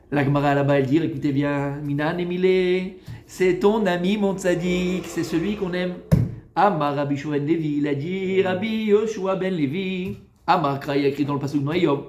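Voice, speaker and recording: High-voiced, teasing rabbi in an echoey room. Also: male voice. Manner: familiar and teasing, calls listeners "Habibi", swings from loud urging to soft coaxing. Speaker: rabbi teaching a Torah class. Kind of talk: informal Talmud lesson to a live group.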